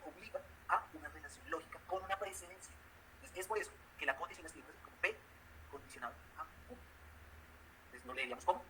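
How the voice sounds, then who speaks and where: A man lectures on logic, quizzing his students with everyday examples. His voice sits high and sounds very bright. He talks fast, with a faint hiss of noise behind him. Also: rough recording. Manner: explains step by step with everyday examples and questions. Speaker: math teacher. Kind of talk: classroom lecture.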